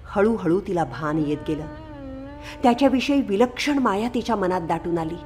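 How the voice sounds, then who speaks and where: A woman reading her own literary love story aloud in a measured, expressive narration, with faint instrumental music behind. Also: mid-range voice. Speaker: author and story reader.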